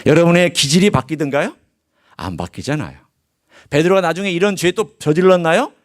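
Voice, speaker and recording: A pastor with a high, fast voice delivers his sermon in the church sanctuary. He poses rhetorical questions to the congregation and reads scripture aloud in formal biblical diction.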